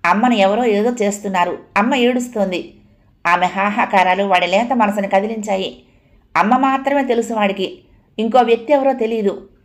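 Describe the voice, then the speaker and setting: A woman reading a novel aloud as dramatic, expressive audiobook narration. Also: mid-range voice, fairly quick.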